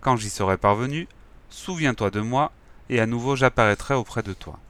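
A man's voice: mid-range voice, moderate pace, fairly bright tone, close to an everyday voice. A man voicing a loyal, wise talking wolf in a storybook reading, giving firm, reassuring advice.

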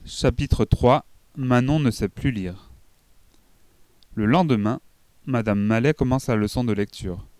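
A man reading a children's book aloud in an expressive storytelling manner. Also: medium pitch, measured pace, long pauses, no room sound. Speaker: audiobook reader. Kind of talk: scripted narration of a children's book.

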